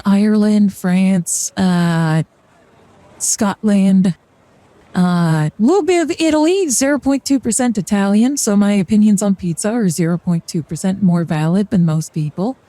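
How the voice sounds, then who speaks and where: With no room sound around her, a young woman talks in a mellow, mid-range voice at a measured pace. She's streaming live, joking and rambling through a card reading, punctuated by fillers and short laughs.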